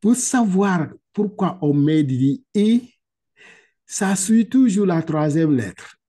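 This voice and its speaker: A man's voice: high-pitched, animated, dark tone. A man teaching Quran reading over a video call, explaining patiently step by step and checking in with frequent "ok?". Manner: slow, drawn-out recitation of Arabic words for repetition.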